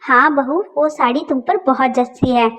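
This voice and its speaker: A woman voicing a tired older mother-in-law who begs the family to keep quiet. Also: sits high, normal speed, rough recording. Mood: weary. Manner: pleading, hushing.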